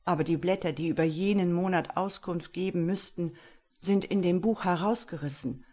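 A troubled young man, read aloud by a woman gives a long, halting confession after his arrest. The voice sits low and plain, with a storybook feel. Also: mellow, lightly acted. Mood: earnest.

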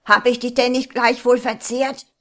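A woman doing a loud, furious fairy-tale troll. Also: fairly high pitch, level tone, normal speed, voice pushed up. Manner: loud, shouting accusations. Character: angry greedy male troll from a folk tale.

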